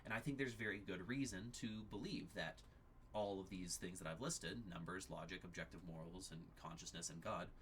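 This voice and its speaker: A man teaching an apologetics class at his church, explaining ideas in a measured, step-by-step way. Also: on the low side, fairly bright tone, slight background noise. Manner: explanatory, measured, occasional restarts.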